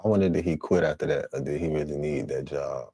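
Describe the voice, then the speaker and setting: A man's voice: rumbling low, fast, creaky, warm tone, breathy edge, no room sound. A man hosting a reaction stream, speaking in blunt, repetitive slang. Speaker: stream host reacting to clips. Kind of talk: casual reaction commentary.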